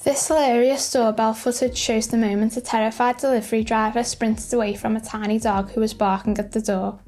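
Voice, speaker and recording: A woman's voice: a little high, little pitch movement, a little fast, a little mellow. A woman reading scripted narration for light news video clips. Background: music.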